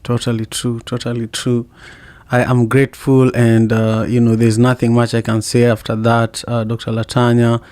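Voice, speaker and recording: A man's voice: mid-range voice, monotone, moderate pace, a little mellow, smooth, dry recording. A man hosting a live audio room, graciously thanking his guests and passing the floor. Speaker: podcast host.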